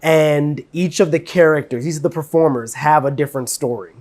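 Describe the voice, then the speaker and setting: A man's voice: on the high side, a little fast, darkish tone. An upbeat man working as a cruise director, chatting casually and enthusiastically in an interview, stressing key words with emphatic repetition. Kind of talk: casual interview, promotional chat.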